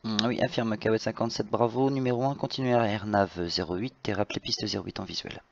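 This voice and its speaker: A man giving procedural radio instructions as a tower controller in a flight simulation, with halting phrasing. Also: fairly low pitch, fairly even intonation, gravelly. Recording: slightly dull lo-fi voice-chat audio.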